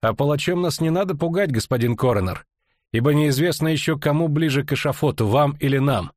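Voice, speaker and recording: A man reading an audiobook, voicing a tough, defiant young woman mercenary with a husky, blunt delivery. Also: a little high, fairly quick, dry recording, clean studio sound, pitched above the performer's own voice, close to an everyday voice. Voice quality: husky, plain-spoken.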